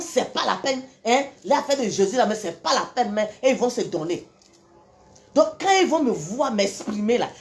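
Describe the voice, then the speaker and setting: Woman, fervent self-styled preacher, scolding and repetitive, slightly high pitch. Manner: scolding, repetitive, rhetorical questions, frequent "hein". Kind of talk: impassioned religious tirade.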